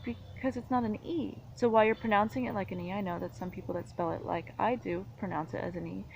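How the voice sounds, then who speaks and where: A woman's voice: mid-range voice, fairly even intonation, fast talker, creaky. A woman from the United States, talking in an indignant, rambling, argumentative monologue. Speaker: vlogger. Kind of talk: casual monologue to camera. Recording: dull lo-fi sound with faint background noise.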